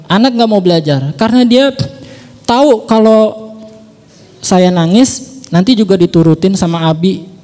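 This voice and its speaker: A man's voice: high-pitched, warm tone, in a large hall. A man in his thirties, a parent guest on a radio show, giving earnest religious parenting advice, repeating his points and addressing the listeners directly. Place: radio studio.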